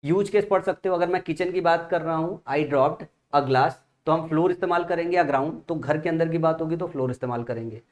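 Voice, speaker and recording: A man's voice: on the high side, fairly even intonation, quick pace, hardly any pauses, a little mellow. Patient young male teacher, lecturing. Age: young adult father. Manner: explains patiently with repeated rhetorical questions; often checks in with "theek hai na". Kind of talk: classroom-style vocabulary lesson.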